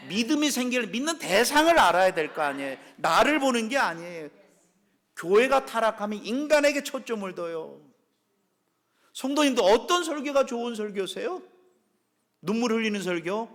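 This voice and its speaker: Korean pastor guy preaching sunday sermon, fairly high voice, keeps firing questions at the church, big echoey sanctuary. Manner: animated preaching with many questions to the congregation. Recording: long reverb of a church hall.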